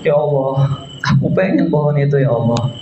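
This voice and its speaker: A man's voice: medium pitch, moderate pace, mellow, dull audio, slight background noise, pitched below the performer's own voice, natural voice. A man voicing a pleading man who keeps begging God for more, in a whiny tone, recorded in an echoey mosque hall. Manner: whining, pleading.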